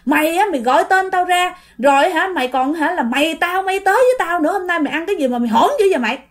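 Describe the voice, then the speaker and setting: A woman with a Southern Vietnamese accent voicing a hot-tempered older man who scolds loudly. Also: very high voice, lively intonation, very fast, pitched above the performer's own voice. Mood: angry. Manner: angry, scolding.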